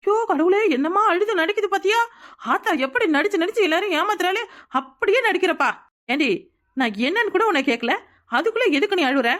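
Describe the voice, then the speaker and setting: A woman voicing a quarrelsome young aunt in a family cartoon, arguing back in a shrill, scolding way. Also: animated, brisk, a bit bright.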